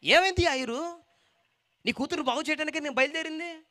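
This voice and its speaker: A man voicing Jesus as a commanding, almighty figure who proclaims loudly. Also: very high voice, brisk, no echo, clean studio sound, voice pushed up. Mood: questioning. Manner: loud, proclaiming.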